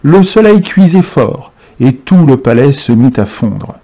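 A man reads a children's novel aloud with expressive storytelling. His pitch moves lively, and his tone is mellow and dark. The recording sounds dull and muffled. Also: unhurried. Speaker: reader for a class.

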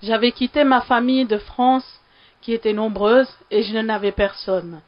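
A woman's voice: on the high side, fairly even intonation, normal speed, dull audio. A woman from Sri Lanka giving a heartfelt testimony in a church hall, faltering a little at emotional moments.

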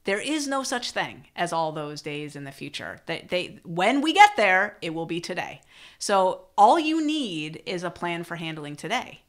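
A woman from San Francisco, a podcast guest talking in an earnest, reflective way, peppered with "like" and "right?". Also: lowish voice. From San Francisco, USA. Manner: earnest, reflective, filler-heavy with frequent "like" and "right?". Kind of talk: casual podcast conversation.

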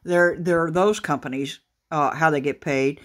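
A man, a truck driver, talking casually and haltingly to his viewers, with many fillers and restarts. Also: on the high side, steady tone. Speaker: trucker vlogger. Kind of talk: casual talk to camera. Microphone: phone camera pointed at a laptop screen.

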